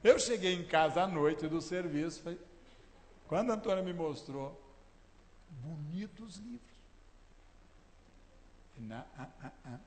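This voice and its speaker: A man in his sixties, a pastor, preaching a sermon in an emphatic, forceful tone in a church hall. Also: a little high, lively intonation, unhurried, pauses often. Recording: echoey church hall, long reverb.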